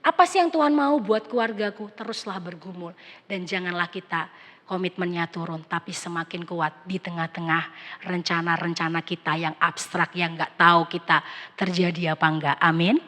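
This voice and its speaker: A young woman pastor, preaching a sermon with a conversational personal testimony and animated quoted dialogue. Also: fairly low pitch, moderate pace. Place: large church hall. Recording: long church-hall reverb.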